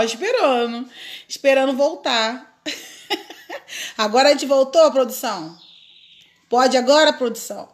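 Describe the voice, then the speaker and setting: A high-voiced woman from Brazil chats through a live craft tutorial at her table. She talks slowly and unhurriedly, laughing often and greeting her viewers by name. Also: fairly bright tone. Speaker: craft live-stream host.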